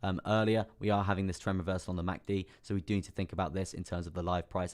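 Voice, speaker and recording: A young English man with a hoarse, partly lost voice, hosting a casual crypto live stream, chatting about charts and greeting viewers by name. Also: low-pitched, a little mellow. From England. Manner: chatty, reads out viewer names and laughs often.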